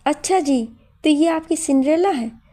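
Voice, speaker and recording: A woman's voice: high-pitched, normal speed, dark tone, pitched above the performer's own voice, close to an everyday voice. Woman voicing a playful joking young man. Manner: playful, teasing.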